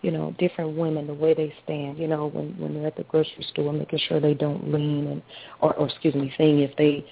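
A woman's voice: sits low, level tone, fairly quick, vocal fry, a little hiss or hum. A woman calling in to a radio show over a phone line, emphatic and repetitive, stacking up praise and agreement. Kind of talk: casual call-in chat.

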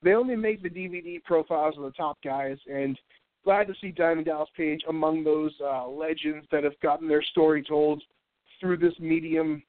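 Congested american guy hosting a radio show, slightly high voice, rambly and jokey, tinny phone sound. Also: moderate pace, no echo. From New Hampshire, United States. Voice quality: congested, stuffy nose. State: congested, breathing through mouth. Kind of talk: casual radio show chat. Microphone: thin mic curled close to face. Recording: thin phone-like line.

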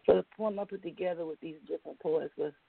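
A woman calling in to a radio show, her voice thin and tinny like through a tin can phone, talking in a halting way as she searches for words. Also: low voice, gravelly, slightly rough, no echo. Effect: tinny phone sound, like a tin can phone. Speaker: caller. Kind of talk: call-in poetry reading.

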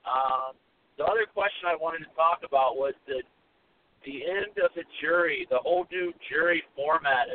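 A man's voice: fairly high pitch, moderate pace. A man calling in on speakerphone from a car, chatting casually and apologizing for the connection. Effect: speakerphone call from a car. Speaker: podcast guest calling in. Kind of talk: casual chat. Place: inside a rental car. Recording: tinny phone line with faint noise.

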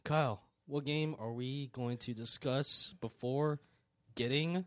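A man's voice: medium pitch, steady tone, slow, a bit bright, dry recording, clean studio sound. A young man hosting a casual horror game podcast, joking and giggling as he chats with his co-hosts. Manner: joking, giggly, reads ad copy. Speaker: podcast host.

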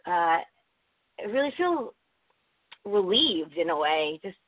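A woman calling in to a radio show over the phone, lively and bubbly as she talks. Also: lowish voice, slow, slight background noise. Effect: tinny phone line. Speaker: radio call-in caller. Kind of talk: casual call-in chat. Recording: tinny dry phone line.

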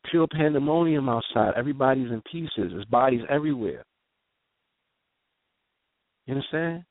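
A man's voice: mid-range voice, moderate pace, no echo. A man telling an intense eyewitness story in casual street slang, often asking "you know what I'm saying". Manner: intense, vivid eyewitness retelling. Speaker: guest telling a personal story. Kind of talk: raw conversational storytelling. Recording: tinny phone line, dry.

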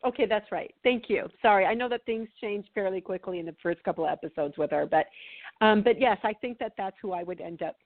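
A woman chats as a radio guest, rambling through fillers and short laughs. Her voice is mid-pitched and comes through thin and narrow, like a phone line. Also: fast talker. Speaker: guest psychic. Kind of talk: casual chat.

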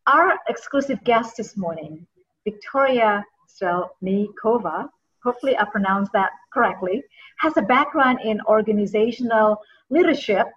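A woman's voice: fairly high pitch, expressive, normal speed, fairly bright tone, breathy edge. A woman hosting a podcast interview, chatty and teasing as she reads the guest's bio and asks questions. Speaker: podcast host. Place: Southern California. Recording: dull lo-fi audio.

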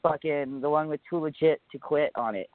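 A man's voice: fairly high pitch, brisk, no echo. A stoned man chatting casually as an interview guest, rambling and sweary with plenty of slang. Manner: slangy, sweary, says "dude" often. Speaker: interview guest, touring musician. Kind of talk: casual profane podcast chat. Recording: tinny phone-line sound.

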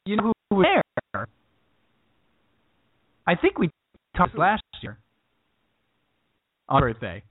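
Podcast co-host, male, deadpan joker, lively delivery, dry tinny phone-like sound. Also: sits high, slow, pauses often, husky. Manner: deadpan, playful bits. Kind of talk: casual comedic chat.

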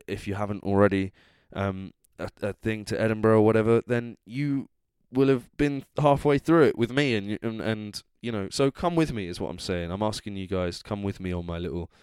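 Male podcaster, English accent, drunk and rambling, lowish smooth voice, casual solo chat. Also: a little fast, hardly any pauses, darkish tone, no room sound, studio quality. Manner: rambling, trailing off, self-interrupting. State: drunk, tipsy. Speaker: podcast host.

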